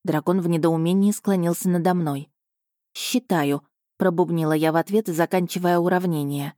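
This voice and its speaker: A woman narrating an audiobook in the first person, with a measured, even storytelling delivery. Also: lowish voice, no echo, studio quality.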